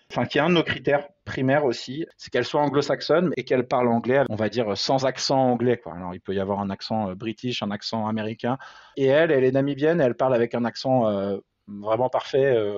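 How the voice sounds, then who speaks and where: A man's voice: medium pitch, darkish tone, dry recording. A man, a father, talking as an interview guest in a casual, hesitant way, with many fillers and restarts, and poking fun at himself now and then. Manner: self-deprecating, laughs at himself. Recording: slightly dull lo-fi sound.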